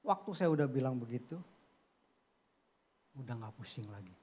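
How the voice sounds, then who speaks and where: Lively Indonesian-preaching man, swinging highs and lows. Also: normal speed, breathy edge. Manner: casual street slang storytelling, big swings between low murmurs and high exclamations. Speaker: pastor. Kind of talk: sermon. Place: church.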